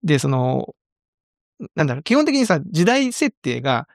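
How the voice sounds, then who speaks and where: A middle-aged man co-hosting a casual podcast, talking in an animated way with lively quoted bits. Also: fairly high pitch, normal speed, creaky, dry recording, clean studio sound. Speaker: podcast co-host.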